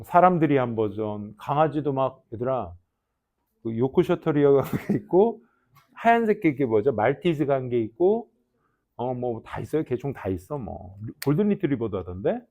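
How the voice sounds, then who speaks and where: A man teaching an English grammar class, joking and teasing his students in a slangy way, often switching between loud calls and mumbled asides. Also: mid-range voice, big pitch swings, normal speed. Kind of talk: lively classroom lecture.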